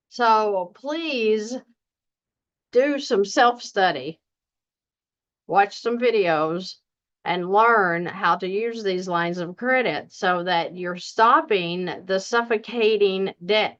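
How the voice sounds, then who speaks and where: A woman's voice: mid-range voice, lo-fi sound. A woman with a Southern US accent, a debt coach giving folksy, emphatic advice straight to her viewers. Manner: folksy, emphatic, deliberately slow. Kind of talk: casual direct-to-camera advice.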